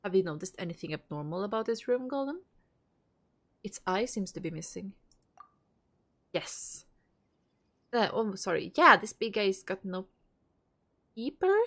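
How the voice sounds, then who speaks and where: A woman with a stuffy nose streams a game, reading its dialogue aloud and chatting casually with viewers, swearing and laughing now and then. Her voice is mid-range with a fairly bright tone.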